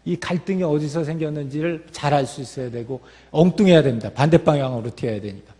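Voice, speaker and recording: A man's voice: fairly high pitch, fast talker, warm tone. A man giving a lecture, explaining step by step with fillers and restarts. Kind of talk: lecture talk. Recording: long reverb of a hall.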